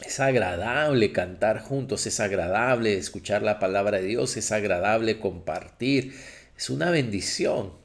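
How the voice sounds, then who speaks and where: A male pastor preaches in an animated sermon style, often breaking into the voices of the people he quotes. His delivery is unhurried, and his voice has a gravelly, creaky edge. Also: lowish voice.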